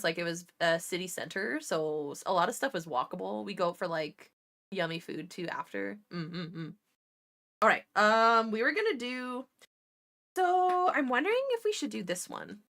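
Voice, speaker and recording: Woman swearing casually and laughing while she paints minis, crisp bright voice. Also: medium pitch. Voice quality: chatty, profane, laughs often. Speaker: former ICU nurse.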